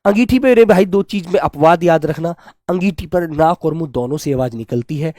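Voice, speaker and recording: A man teaching Hindi spelling for an exam. He addresses students fondly as dear children, his voice rising loud on each new word and dropping soft on each reminder. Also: on the high side, fairly quick, no room sound, clean studio sound. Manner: affectionate, repeatedly calls students "my dear children" and "beta". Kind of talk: exam-prep spelling lesson.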